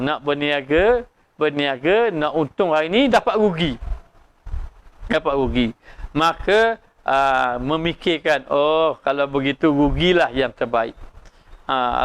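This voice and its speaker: A man's voice: a little high, clear, resonant tone. Malaysian Malay man teaching religion. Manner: explains with many "ha" fillers and rhetorical questions; acts out dialogue in raised voice. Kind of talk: religious lecture.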